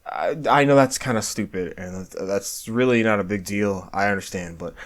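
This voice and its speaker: In this candid year-end look back, a video creator talks at normal speed in a fairly low voice. Earnest and self-deprecating, he swears casually and keeps stammering and restarting his sentences.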